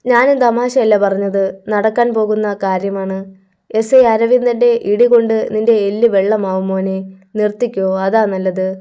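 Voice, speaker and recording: A woman voicing a blunt, mocking young male gangster in a storybook crime tale, with a teasing, gruff manner. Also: medium pitch, fairly even intonation, normal speed, dull audio, lightly acted.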